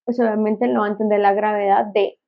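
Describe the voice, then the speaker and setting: A woman's voice: medium pitch, flat delivery, fast, vocal fry, dull audio. A woman co-hosting a casual podcast conversation, often acting out little parent-child exchanges in quoted voices. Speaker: podcast co-host.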